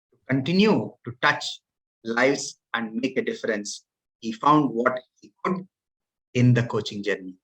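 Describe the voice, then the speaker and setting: A man's voice: mid-range voice, a bit bright, low-quality recording. A male host formally introducing and interviewing a coach, polite with some hesitations. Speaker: podcast host. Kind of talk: hosting an interview.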